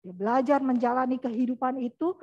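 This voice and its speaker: High-voiced animated woman preacher. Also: a little fast, muffled recording. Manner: animated, addresses the congregation directly. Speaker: evangelist preacher. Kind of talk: storytelling sermon.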